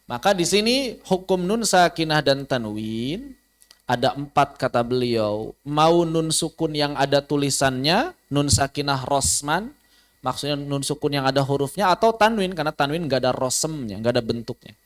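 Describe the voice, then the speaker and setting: A man gives an online Quran recitation lesson, his somewhat high voice jumping up sharply to stress a point. He works through example after example and repeats the key words. Now and then he slows down to chant a line of Arabic verse. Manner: lively, sudden jumps in pitch for emphasis. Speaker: tajwid teacher.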